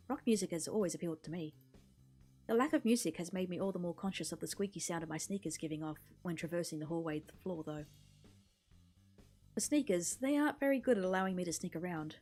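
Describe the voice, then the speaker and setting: A woman with a lowish, darkish voice plays through a visual novel on stream, voicing the game text expressively between casual, offhand comments. Game music can be heard in the background.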